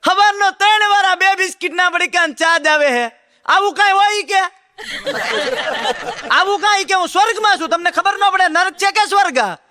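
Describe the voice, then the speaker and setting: A man's voice: extremely high pitch, moderate pace, crowd noise, voice pushed up. A man doing a whining, fed-up soul stuck in heaven. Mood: exasperated. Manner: whining, aggrieved.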